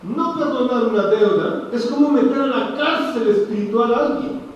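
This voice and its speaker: A man's voice: very high voice, normal speed, a little hiss or hum. A male preacher giving a sermon, telling a story and asking the listeners questions as he goes. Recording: distant echoey hall, dull sound.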